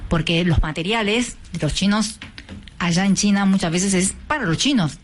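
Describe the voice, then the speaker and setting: In a radio interview, the president of a cultural association, a woman with an Argentine accent, walks through lessons like a patient teacher and sings tones to illustrate. She speaks in a mid-range voice at a moderate pace, and there's slight hiss or hum.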